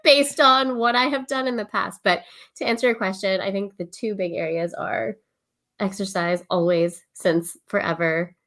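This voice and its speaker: A woman's voice: medium pitch, moderate pace, fairly bright tone. A woman co-hosting a podcast with a nasal, stuffy voice from a cold, chatting casually and poking fun at herself. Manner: laughing, self-deprecating. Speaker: podcast co-host.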